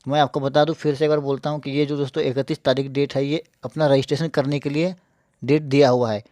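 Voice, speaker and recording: A man's voice: mid-range voice, flat delivery, fast talker, dark tone, dry recording, clean studio sound. A young man hosting a casual screen-share tutorial, repeating points and reassuring viewers, slightly hampered by a mouth ulcer. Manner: repetitive, reassuring, keeps checking in with listeners. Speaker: YouTube tech channel host.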